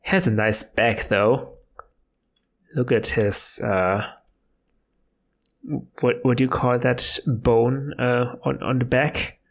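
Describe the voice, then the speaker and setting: A man's voice: medium pitch, fairly even intonation, slow pace, long pauses. A man commenting casually as he plays through a video game, with chatty, sarcastic asides. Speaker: let's play host. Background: game music.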